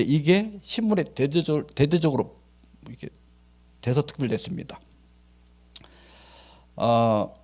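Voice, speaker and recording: An older man, a pastor, preaching a sermon in an animated way and voicing the people in his stories. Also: on the high side. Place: healing center meeting room.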